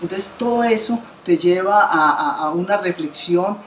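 In a bright living room by a window, the roomy acoustics carry a little hiss or hum. The speaker, a woman in her fifties from Colombia who founded an association, is an interview guest. With a lowish voice at a moderate pace, she earnestly recounts her story, restarting often, repeating words and gesturing.

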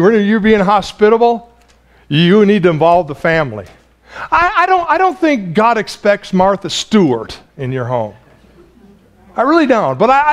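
Here a forties-aged pastor whose voice sits high delivers a sermon to a small church, talking in a chatty, animated way, breaking into laughter a lot and beginning his phrases again.

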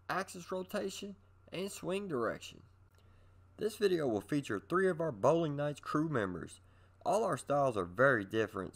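The host of a bowling instruction video, a middle-aged man, addresses his viewers directly with cheerful scripted narration. His voice is on the high side and has a creaky quality.

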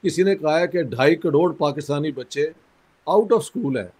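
A man from Pakistan, a guest in an interview, speaking in a measured, critical way with pauses and a sore throat. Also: on the high side, a little mellow, husky. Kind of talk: conversational interview.

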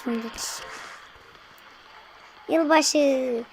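A hoarse woman talking casually to viewers while playing a tablet game at home, often pausing to apologize. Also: sits high, a little hiss or hum. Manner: chatty, apologetic asides to viewers. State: hoarse, voice giving out. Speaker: gaming channel host. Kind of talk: casual mobile game commentary. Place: home bedroom. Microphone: tablet microphone.

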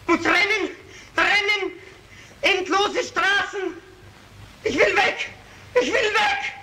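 Brief: a haunted killer pleading for his life; high, slow, breaking into screams, 1930s film sound. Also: bright, forceful tone, heavily acted, rough recording. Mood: frantic. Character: tormented, hunted male child murderer. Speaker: accused murderer pleading before a mob. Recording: old film soundtrack with faint hiss.

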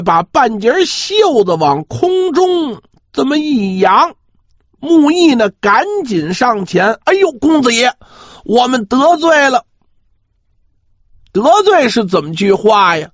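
Slow, animated male pingshu storyteller. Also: extremely high pitch. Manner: drawn-out particles, rhetorical asides to listeners. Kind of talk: dramatic traditional pingshu storytelling. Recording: roomy, slightly dull audio.

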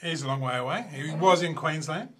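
Australian male host, slightly raised pitch, joking banter. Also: fast, a bit bright. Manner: chatty, jokey banter. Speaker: show host. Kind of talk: casual chat.

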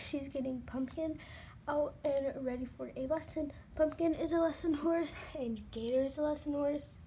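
High-voiced woman giving a chatty toy-barn tour. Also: background noise. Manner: chatty listing, soft at times, slips into whispers. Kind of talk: casual narrated toy tour. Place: carpeted room at home, indoors. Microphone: handheld phone camera, unseen speaker.

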